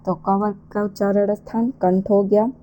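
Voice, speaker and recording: A woman's voice: mid-range voice, flat delivery, dark tone. A woman teaching an exam-prep lesson, asking rhetorical questions and answering them herself. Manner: slow, repeats and asks rhetorical questions.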